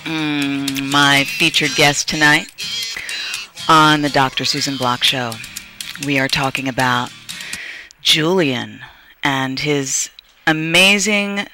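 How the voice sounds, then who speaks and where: Slow, theatrical woman radio host over music. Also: sits low, fairly even intonation. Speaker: radio talk show host. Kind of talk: live talk show monologue.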